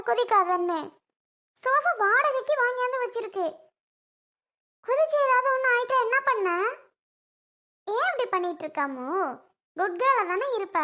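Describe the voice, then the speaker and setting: A fussy young aunt, played by a woman who nags a jumping child in a very high, bright, insistent voice. Her tone turns pleading with her elders in this family skit. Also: exaggerated voice. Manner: nagging, then soothing and apologetic. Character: young wife, fussy aunt scolding a little girl.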